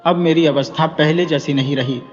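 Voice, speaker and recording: Storybook: man doing a tired old mother who scolds her son; voice pitched up, dull echoey sound, music faint. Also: steady tone, normal speed, natural voice. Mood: reproachful. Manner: scolding, complaining. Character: aging village mother, weary and scolding.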